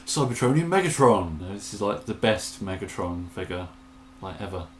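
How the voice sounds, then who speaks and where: A man chatting enthusiastically in a casual show-and-tell vlog, with bursts of excitement. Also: sits low, moderate pace, roomy sound, slight background noise. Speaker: toy collector vlogger.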